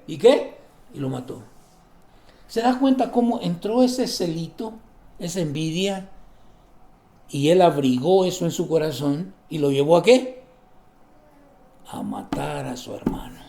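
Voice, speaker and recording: Preaching in a roomy-sounding space, a male pastor speaks in a voice that sits high. He questions and answers himself, performs the people in his stories, and lowers to a soft voice for asides.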